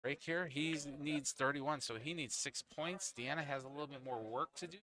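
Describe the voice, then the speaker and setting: A man's voice: fairly high pitch, normal speed, sharp tone. A man calling a pool league match live, chatting with his co-commentator between shots. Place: indoors at a pool league venue.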